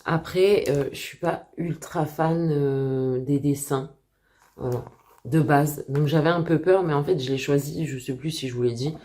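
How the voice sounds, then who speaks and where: Slow, hesitant low-voiced woman. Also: mellow. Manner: hesitant, many filler pauses. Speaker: book vlogger. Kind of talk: casual chat to camera.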